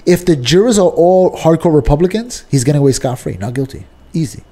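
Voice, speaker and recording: Brief: man, slightly high but mellow voice, argues casually with lots of fillers. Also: brisk. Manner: animated, argumentative, fillers like freaking. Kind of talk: casual political chat.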